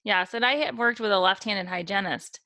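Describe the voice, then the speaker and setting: A woman co-hosting a relaxed chat, mixing practical advice with dry jokes. Her voice sits at an ordinary middle pitch and is recorded close and dry. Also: a little fast, no echo. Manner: wry, joking, advice-giving. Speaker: dental assistant, podcast co-host. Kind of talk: casual chat.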